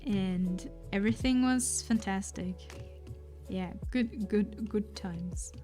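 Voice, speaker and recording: Livestreaming as she draws, a young woman whose first language is German talks casually, thinking out loud and restarting, with lots of fillers. She speaks slowly in a mid-range voice with a warm tone, over faint lofi music.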